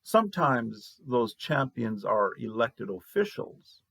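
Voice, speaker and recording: A man preaching a sermon as pastor, slow and measured with long pauses. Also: medium pitch, very animated, gravelly, a bit bright, husky, no room sound.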